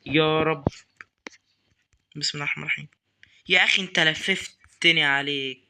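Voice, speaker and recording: Man, Egyptian Arabic accent, rapid speech, sharp tone, nervous horror gameplay commentary. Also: fairly high pitch, fairly even intonation, clear, resonant tone. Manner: nervous, muttering prayers, taunting the game. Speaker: gaming YouTuber.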